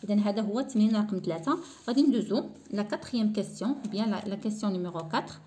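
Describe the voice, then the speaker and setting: A woman with a Moroccan accent explains a French spelling lesson for schoolchildren and says French words slowly and clearly. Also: medium pitch, dark tone, a little hiss or hum. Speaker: primary school French teacher.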